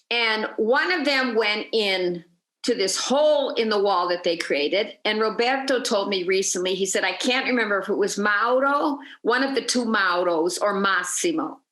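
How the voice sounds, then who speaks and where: A woman's voice: mid-range voice, unhurried, roomy sound. A woman guiding a virtual tour, telling a story with energy and acting out the people she quotes. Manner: lively storyteller, acts out quoted voices. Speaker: tour guide.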